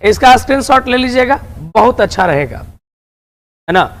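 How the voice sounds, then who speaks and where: A man's voice: extremely high pitch, sing-song, normal speed. A man teaching Hindi grammar in an online video lesson, coaxing his students along and tagging nearly every sentence with a question. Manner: repeats tag questions often; coaxing, addresses students as dear and friends.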